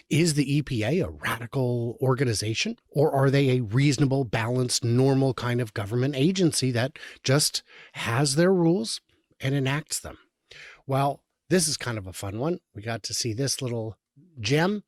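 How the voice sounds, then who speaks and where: A man delivers political commentary in a sarcastic, exasperated tone and often breaks off mid-sentence to restart. His voice sits at an ordinary middle pitch for a man. The recording is dry and close, with no room sound. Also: animated, normal speed, no room sound. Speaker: show host. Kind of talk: political commentary reading and reacting to articles.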